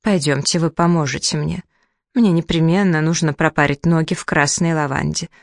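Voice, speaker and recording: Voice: fairly even intonation, normal speed, vocal fry, dry recording, clean studio sound, close to an everyday voice. Reader as a furious hysterical widow. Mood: indignant. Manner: shrill outrage, theatrical complaints. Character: indignant plump middle-aged widow, hysterical.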